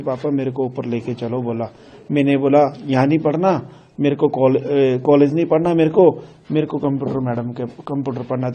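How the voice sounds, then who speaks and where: Grieving dad from himachal, middle-aged, warm low tone, keeps repeating himself, news interview. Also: male voice. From Himachal Pradesh, India. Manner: repetitive, halting storytelling that quotes family dialogue. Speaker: grieving father of a student. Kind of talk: recounting events in a news interview.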